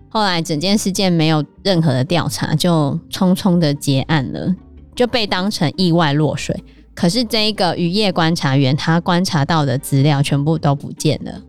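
A woman with a fairly low voice and a Taiwanese Mandarin accent lays out real cases on a casual podcast. Light music plays under her. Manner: explanatory, recounting case facts. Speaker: podcast co-host. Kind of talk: casual book-club chat.

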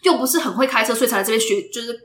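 A young woman who talks very fast in a casual podcast chat. Her voice is bright and fairly high, and she tosses in quick jokes. The echo of the room around her is easy to hear. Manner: quick, joking, chimes in. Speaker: podcast co-host.

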